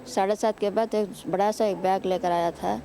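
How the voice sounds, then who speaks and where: A woman giving an eyewitness account in a field interview, answering quickly and plainly. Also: medium pitch, steady tone, warm tone, slight background noise. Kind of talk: street interview testimony.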